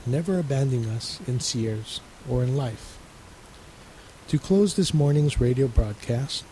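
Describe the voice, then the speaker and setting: A male resident minister giving a calm, measured radio sermon and reading a letter. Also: mid-range voice, slight background noise, low-quality recording.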